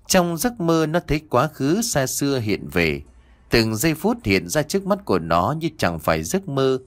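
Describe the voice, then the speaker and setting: A man reading a horror story aloud as a steady, dramatic storyteller. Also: fairly low pitch. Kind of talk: scripted horror story narration.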